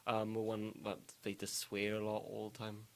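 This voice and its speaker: A young man co-hosting a casual podcast, blunt and quick to joke. His voice sits on the low side and has a gravelly rasp. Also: monotone. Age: young adult. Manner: blunt, joking, asks quick questions. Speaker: podcast co-host. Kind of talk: casual chat.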